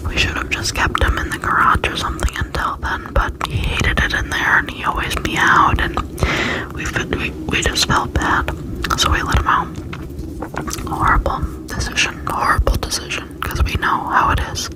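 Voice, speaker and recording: A woman speaks entirely in a soft, unvoiced whisper. She chats casually in ASMR style, with tingly mouth articulation. Words and phrases are often slowly repeated. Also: low-quality recording. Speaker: ASMR video creator.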